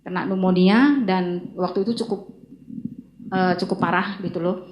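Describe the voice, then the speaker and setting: A woman giving a personal faith testimony, telling her story with animated retelling of remembered conversations. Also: lowish voice, moderate pace, highs cut off. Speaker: church testimony speaker. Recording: roomy echo.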